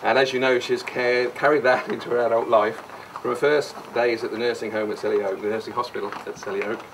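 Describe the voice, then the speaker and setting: A man's voice: medium pitch, fairly even intonation, quick pace. A man gives a rambling best man style wedding speech, jokey and mock-sincere, often digressing. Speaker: wedding speaker, brother of the bride. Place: wedding reception room. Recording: noisy distant live room recording.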